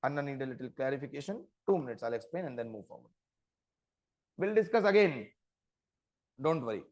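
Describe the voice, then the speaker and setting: A programming instructor leads an interactive live coding lecture, often pausing to quiz listeners with short check questions. His mid-range voice is expressive and fairly quick, with a darkish tone.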